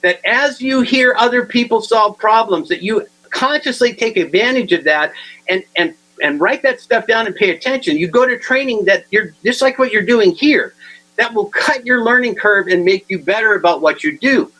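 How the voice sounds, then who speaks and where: A man giving a humorous keynote talk, telling funny anecdotes in an animated way and chuckling at his own stories. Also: high voice, moderate pace, faint music behind, poor audio. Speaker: humor speaker. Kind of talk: comic keynote storytelling.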